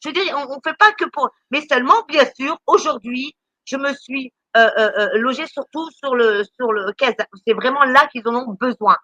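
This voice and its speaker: Woman, high and bright, indignant live-stream rant, stammers and repeats herself. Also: moderate pace, dry recording, lo-fi sound. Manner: indignant, scolding. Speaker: charity volunteer speaking on a live stream.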